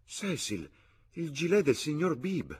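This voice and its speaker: Male reader voicing a fretful older matron, raised pitch, husky undertone. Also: sing-song, takes it slowly, darkish tone, exaggerated voice. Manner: exclamatory, fretful. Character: fussy, excitable older mother.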